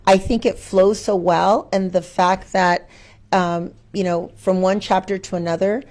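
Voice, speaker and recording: This interview guest is a schoolteacher with a medium-pitched voice and an unhurried delivery. She talks reflectively and expressively, conversationally quoting her own thinking and asking rhetorical questions.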